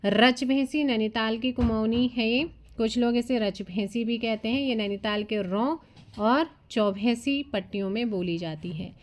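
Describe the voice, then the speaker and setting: A woman's voice: a little high, a little slow. Woman reading exam notes aloud. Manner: reads long lists of names with asides to students. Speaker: exam coaching teacher.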